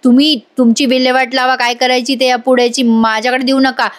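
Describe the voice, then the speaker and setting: A woman voicing a sharp-tongued, scheming woman who brushes off blame. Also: high voice, level tone, brisk, close to an everyday voice. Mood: snappy. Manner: snappy, dismissive.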